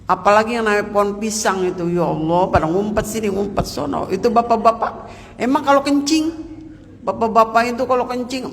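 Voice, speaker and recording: A man's voice: high-pitched, brisk, creaky, slight background noise. A man giving a folksy sermon to a women's study group in a mosque, speaking directly to his listeners. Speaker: preacher. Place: large mosque hall. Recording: long reverb of a mosque hall.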